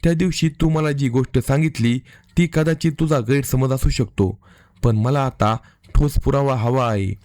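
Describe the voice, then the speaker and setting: A man reading the part of a worried, suspicious young man in a narrated story, in an earnest, steady voice. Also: medium pitch, moderate pace, dry recording, clean studio sound, natural voice.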